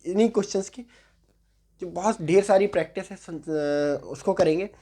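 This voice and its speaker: A man's voice: high voice, warm tone. A man in his twenties teaching a reasoning class, mixing English into Hindi, asking tag questions and repeating words as he writes. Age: 20s. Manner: slow, repeats words while writing on a board. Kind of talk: exam-prep lesson.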